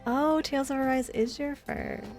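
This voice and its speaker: Chatting with her viewers at a normal speed, this woman plays a video game on a live stream indoors. Her high, slightly mellow voice answers their comments casually while faint music plays behind.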